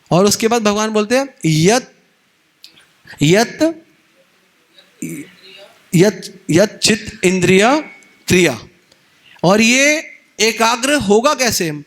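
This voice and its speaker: Male retreat preacher, middle-aged, high-pitched, animated storytelling lecture style. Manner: animated, acts out dialogue, mixes in English words. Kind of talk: Hindi devotional lecture.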